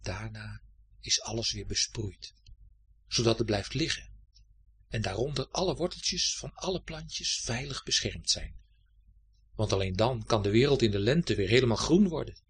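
A man reading a children's story aloud in a gentle, expressive way. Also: fairly low pitch, moderate pace, slight background noise.

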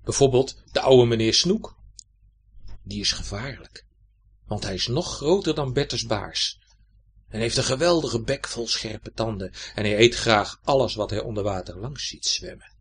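Husky, lively male storyteller. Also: medium pitch, moderate pace. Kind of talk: children's story reading.

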